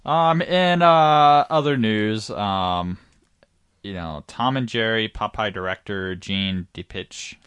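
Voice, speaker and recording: A man's voice: on the low side, slow, fairly bright tone, smooth, no echo, clean studio sound. A man co-hosting a podcast, talking in a loose, rambling, casual way. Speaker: podcast co-host. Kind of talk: casual chat.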